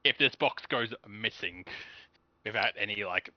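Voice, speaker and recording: A man running a tabletop game as game master, explaining rules in a relaxed way with fillers. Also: lowish voice, unhurried, no echo. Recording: dull lo-fi voice chat with faint music.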